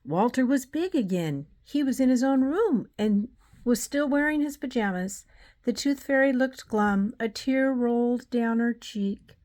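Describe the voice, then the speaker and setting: Slow, measured woman reading a storybook. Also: a little high, expressive, darkish tone. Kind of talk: reading a children's book aloud.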